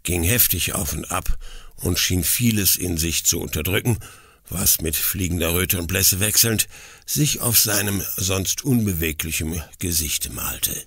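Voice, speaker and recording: A man reading a classic German novel in the first person, measured and somber. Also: fairly bright tone, breathy edge, no room sound. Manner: measured, somber, with sighing low drops. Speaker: audiobook reader. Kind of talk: first-person literary narration.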